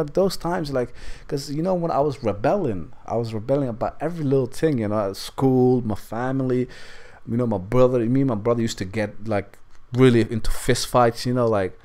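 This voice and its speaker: A man's voice: mid-range voice, darkish tone. A young man casually telling a candid personal story over gameplay, rambling and swearing freely. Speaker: let's play gamer.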